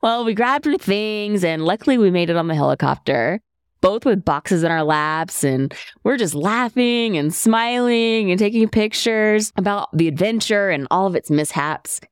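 A woman hosts her podcast from a bedroom at home, telling a travel story in a lively, swooping voice that laughs easily. The sound is close and dry. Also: medium pitch, moderate pace, clean tone, dry recording. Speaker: podcast host.

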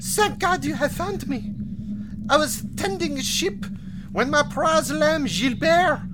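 A terrified little French peasant girl cries out in a squeaky, shrill voice, as a man puts her on. She pleads in a French lilt. There is clear noise behind her. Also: takes it slowly. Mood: pleading. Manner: wailing, high-pitched, French-accented exclamations.

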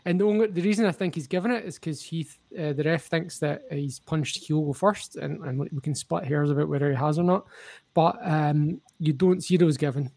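A man's voice: on the high side, a little fast, vocal fry, a little mellow. A man co-hosting a casual football podcast, opinionated and explaining the rules at length. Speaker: podcast co-host.

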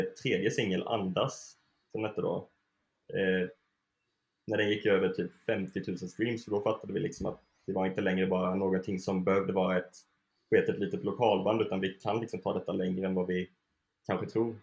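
A relaxed young man from Sweden chats about his band in a loose, unhurried way, dropping fillers and laughing easily. His voice sits fairly low, and the room around him rings with a noticeable echo. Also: gravelly. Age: young adult. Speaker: band member, guest. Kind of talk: casual interview chat.

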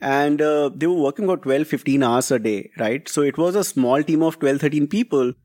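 A man's voice: fairly high pitch, brisk, darkish tone. A man with a North Indian accent giving conversational interview answers as a founder, switching between English and Hindi and often checking in with "right?". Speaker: interview guest, startup founder.

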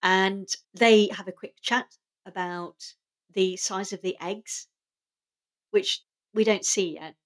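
A woman's voice: mid-range voice, takes it slowly. Chatty woman recapping an episode. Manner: chatty, animated retelling with quoted lines. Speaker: podcast co-host. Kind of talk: casual chat recapping a TV episode.

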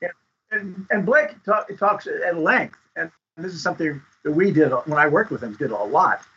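A man giving advice as a script consultant guest in a casual interview, speaking haltingly and often repeating words. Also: fairly high pitch, expressive, pushed and bright, husky. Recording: dull lo-fi audio.

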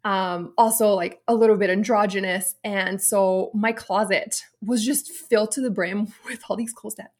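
A woman's voice: medium pitch, fairly even intonation, normal speed, hardly any pauses. A woman in her late thirties from Romania, a personal stylist speaking as a podcast guest, telling her story in an open, reflective way. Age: 30s. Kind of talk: casual interview chat.

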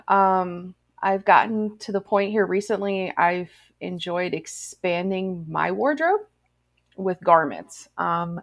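Guest voice: woman in her thirties, lowish register with a gravelly fry, chatty, animated storyteller. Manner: lively storyteller, acts out quoted voices. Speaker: podcast guest, crochet tech editor. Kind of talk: casual podcast chat.

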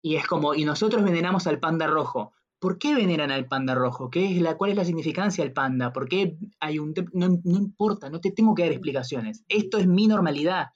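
A man, co-hosting a podcast and explaining his views in a measured way. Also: fairly high pitch, expressive. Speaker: podcast co-host. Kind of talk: casual film review chat. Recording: dull lo-fi audio.

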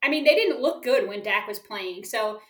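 A woman's voice: mid-range voice, animated, moderate pace, fairly bright tone. A woman co-hosting a sports podcast, chatting about her picks in an upbeat, casual way. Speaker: podcast co-host. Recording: echoey room.

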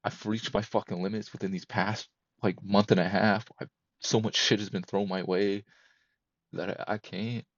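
A man in his thirties, a podcast guest, talking candidly and emotionally in a halting, repetitive way that keeps circling back. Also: fairly low pitch, little pitch movement, no echo, muffled recording. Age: 30s. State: emotional, close to breaking. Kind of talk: candid personal conversation.

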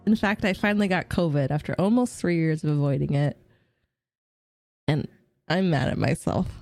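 A woman's voice: deep voice, moderate pace, creaky, a little mellow, no echo, studio quality, soft background music. Stuffy-nosed woman podcast co-host. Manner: blunt, joking, swears casually. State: sick with a cold, nasal. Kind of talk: casual chat.

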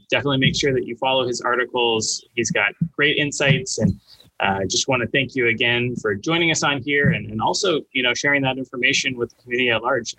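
A man's voice: medium pitch, bright, forceful tone, husky, no echo, low-quality recording. A man in his thirties hosting a podcast, speaking casually with lots of "you know" and "like.". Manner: casual and chatty, uses many fillers like "you know" and "like". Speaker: podcast host. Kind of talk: podcast interview.

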